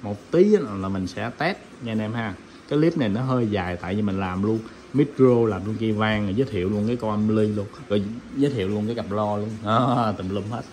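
A man's voice: on the low side, fairly quick, darkish tone, a little hiss or hum. Chatty man demoing gear. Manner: chatty, many fillers, addresses viewers as friends. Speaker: audio shop owner demonstrating gear. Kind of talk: casual product demo. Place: indoor room with sound system.

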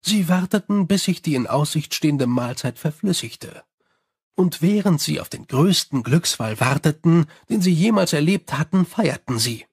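Husky male audiobook narrator. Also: a little high, expressive, normal speed, darkish tone, no room sound, studio quality. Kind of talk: scripted narration.

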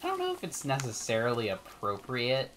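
A man's voice: mid-range voice, huge pitch swings, a little fast, background noise. A man co-hosting a casual gameplay chat, joking around and giggling at his own bits. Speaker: co-host.

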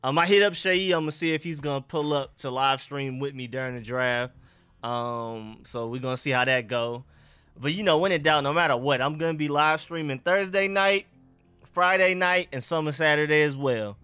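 A man's voice: on the high side, moderate pace, pushed and bright, clear, resonant tone, no echo. A young man hosting a casual sports livestream in slangy, informal talk, his speech slightly impeded by a dental retainer. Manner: informal, slangy, repeats greetings and catchphrases. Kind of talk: casual livestream chat, greeting viewers.

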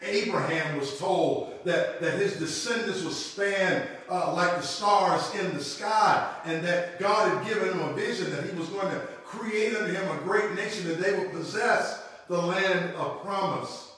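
Middle-aged male pastor, high-pitched and lively, preaches from a lectern; roomy, distant sound. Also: unhurried, few pauses. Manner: preaching with call-outs and repetition, sweeping gestures. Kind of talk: sermon. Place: church room with logo backdrop, standing at a lectern. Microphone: far camera. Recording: echoey room, mic far off.

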